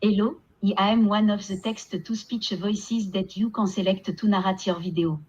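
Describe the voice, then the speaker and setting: A woman's synthetic text-to-speech voice played back from a computer, reading a sample line in an even, scripted delivery. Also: mid-range voice, normal speed, breathy edge. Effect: synthetic text-to-speech voice played back through a computer. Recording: dull lo-fi playback.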